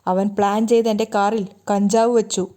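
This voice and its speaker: A woman's voice: medium pitch, flat delivery, moderate pace, close to an everyday voice. A woman doing a furious young husband. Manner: shouting, accusing.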